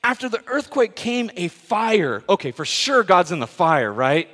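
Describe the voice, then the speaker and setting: A middle-aged male pastor delivers a sermon in a slightly high voice. He moves between forceful emphasis and quiet, hushed asides, with easy self-deprecating humor. His voice carries a long reverb from a church sanctuary. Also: big pitch swings, unhurried.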